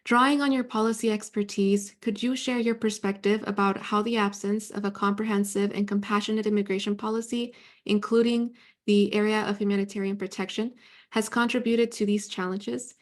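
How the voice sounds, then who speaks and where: A woman moderating a panel discussion, reading out a prepared question in a measured, formal way. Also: medium pitch, steady tone.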